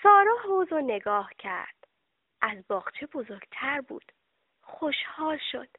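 Woman storyteller for children, animated, dry tinny recording. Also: high voice, dry recording. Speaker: narrator. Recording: dry, tinny phone-like sound.

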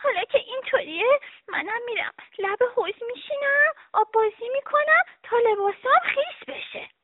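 A woman voicing a little girl who sulks and turns tearful, in a high childlike voice, on a dry, tinny recording. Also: lively intonation, no echo. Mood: sulky. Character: little girl, sulky and easily saddened. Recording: dry, tinny phone-like sound.

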